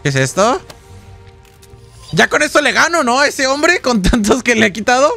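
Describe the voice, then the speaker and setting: A man's voice: very high voice, very animated, normal speed, vocal fry, pushed and bright, faint music behind. A man with a Mexican accent giving casual, chatty live gameplay commentary as a streamer, thinking aloud and talking to his viewers. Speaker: game streamer.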